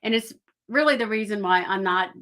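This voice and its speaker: Casual podcast guest: middle-aged Texan woman, forceful bright tone, R's softened toward W's. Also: mid-range voice, brisk. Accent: Texas. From Texas, United States. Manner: soft R's and W's that blur together, w-like r. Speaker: guest, author and audiobook voice actor. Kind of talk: casual chat.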